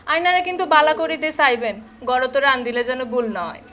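A woman's voice: high voice, fast, bright, forceful tone, highs cut off. A woman, chattily presenting a cooking show in regional dialect as its host.

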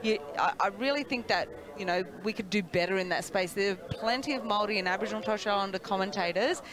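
A commentator calls a live football match from the ground. The tone is earnest and chatty, carried over a loud stadium crowd. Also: medium pitch, fast. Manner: earnest, speaks up for getting names right. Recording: crowd noise behind.

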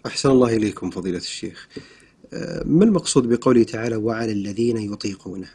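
A man's voice: lowish voice, very fast, a little mellow, breathy edge. A man presenting a radio programme as host, in formal Standard Arabic with a courteous manner.

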